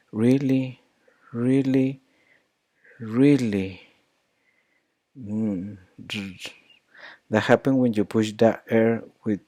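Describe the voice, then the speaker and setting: A man teaching pronunciation, repeating words and phrases slowly to model the sounds. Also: on the low side, a little mellow, dry recording. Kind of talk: accent coaching lesson.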